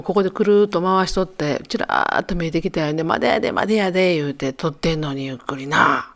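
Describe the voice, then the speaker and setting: A woman in her sixties with a Kansai accent, narrating her travel vlog in a chatty, joking way, as if talking to friends. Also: on the low side. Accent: Kansai Japanese. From Japan. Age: 60s. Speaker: travel vlogger. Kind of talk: casual voice-over narration.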